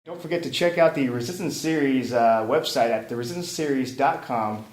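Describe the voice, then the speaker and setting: Male interviewer, easygoing, mid pitch, echoey room. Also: a little fast, slight background noise. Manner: laughs easily, casual questions. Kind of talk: casual interview chat.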